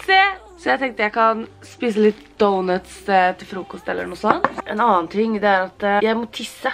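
A young woman vlogging her birthday morning at home, talking casually and getting excited and teary. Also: mid-range voice, gravelly, faint music behind. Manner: excited, swearing, tearful exclamations. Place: apartment indoors.

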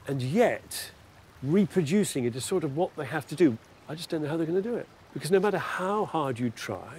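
Wry, animated male documentary presenter. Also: a little high, slight background noise. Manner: wry, enthusiastic, theatrical exclamations. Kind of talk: documentary narration and on-site interviews. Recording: music bed under narration.

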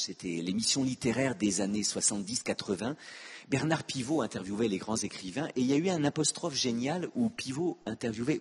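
A man's voice: lowish voice, a little mellow, husky. An older man giving a public lecture, with witty, self-mocking asides to the audience. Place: conference hall. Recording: long hall reverb.

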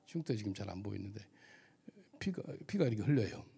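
A man's voice: lowish voice, expressive, fast, gravelly, dark tone, breathy edge. A missionary pastor giving a testimony sermon at a church service, telling his story vividly and asking the audience questions.

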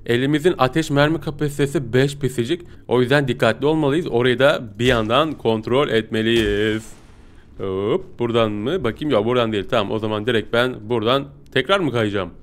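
With a mid-range voice and a slightly quick pace, a man hosts a gaming video, giving relaxed let's-play commentary. He keeps addressing viewers as "pisicik" and lets out excited yelps and squeals whenever something startles him.

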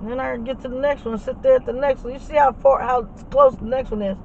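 Here the man's pitch is extremely high and gravelly, his tone steady and his pace quick, and the audio sounds dull. He's a vlogger casually hyping to his audience while driving a moving truck, swearing and using slang, recorded by a dashboard camera amid loud road and engine noise.

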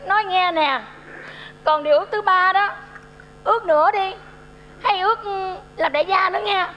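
A woman's voice: very high-pitched, moderate pace, lo-fi sound, slight background noise. A woman playing a bossy, teasing female fairy in a stage comedy sketch, with music behind. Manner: teasing and theatrical.

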